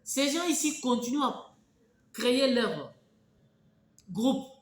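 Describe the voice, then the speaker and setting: A man from the Congo with a Congolese French accent, giving emphatic spoken political commentary and telling stories with halting restarts. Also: very high voice, lively intonation, roomy sound.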